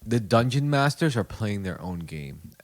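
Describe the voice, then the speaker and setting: A man's voice: on the low side, big pitch swings, measured pace. A man in his thirties co-hosting a podcast, rambling and joking in casual chat. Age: 30s. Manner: rambling, joking, repeats himself. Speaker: podcast co-host.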